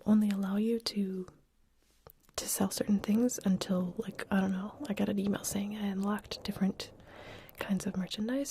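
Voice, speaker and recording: Brief: woman ASMR host, whispered live stream Q&A, mellow hushed tone, close mic with wind guards, faint noise underneath. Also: medium pitch. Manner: soft unvoiced whisper, reading out chat questions and answering them; chatty with frequent fillers and restarts. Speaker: ASMR channel host answering live chat. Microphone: ASMR microphone with wind guards.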